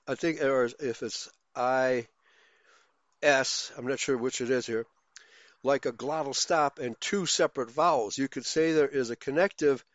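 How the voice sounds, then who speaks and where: A man's voice: a little high, dry recording, dull audio. Man musing aloud over forum comments. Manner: thinking aloud, reading comments and adding asides. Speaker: host reading and commenting on forum answers. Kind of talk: casual read-aloud commentary.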